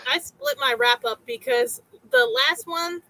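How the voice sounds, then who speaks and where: A woman speaks with a high, lively voice that has a gravelly edge and a bright, tense tone. She chats about her own habits in a self-deprecating way on a video call. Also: measured pace, low-quality recording. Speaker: booktuber on a panel. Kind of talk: casual chat on a live stream.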